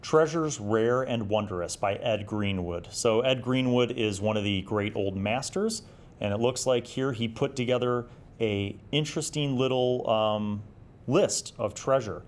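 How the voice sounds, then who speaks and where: Speaking at medium pitch and in no hurry, a man hosts a retro gaming review. He keeps it casual and rambling, thinking aloud throughout.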